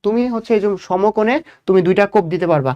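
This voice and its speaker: A man's voice: high-pitched, quick pace, clear, resonant tone, lo-fi sound. A young man giving an exam coaching lecture on biology. He asks the class questions, answers them himself, and repeats key points. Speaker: biology teacher.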